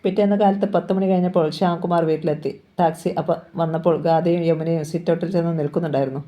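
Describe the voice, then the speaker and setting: Mellow-voiced woman reading a novel aloud. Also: lowish voice, steady tone, fast. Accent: Malayali. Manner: reads all characters' dialogue in her own voice.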